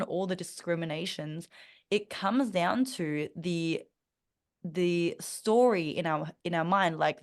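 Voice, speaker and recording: An Australian woman with a low voice speaks earnestly and thoughtfully as a podcast guest in a conversational interview, using many fillers and restarts.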